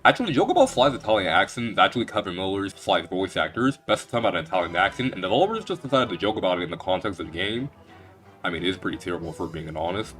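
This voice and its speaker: A young man speaks quickly in a low voice while he reviews a game series. He rambles, restarts his sentences, and jokes along the way. Faint music plays behind him. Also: sing-song, a bit bright. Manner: rambling, joking, many restarts. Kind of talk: casual video game retrospective.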